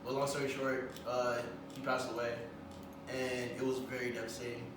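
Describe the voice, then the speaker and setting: A man's voice: medium pitch, flat delivery, moderate pace. A man in his twenties, a rapper and producer, answering interview questions hesitantly and leaning on stock phrases. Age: 20s. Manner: hesitant, repeats phrases like "when it comes down to it". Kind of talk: casual interview. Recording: roomy echo, far from the mic, background noise.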